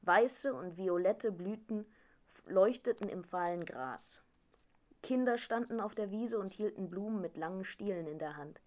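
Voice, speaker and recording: A woman narrating a storybook tale aloud in a calm, gently expressive reading voice. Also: medium pitch, unhurried.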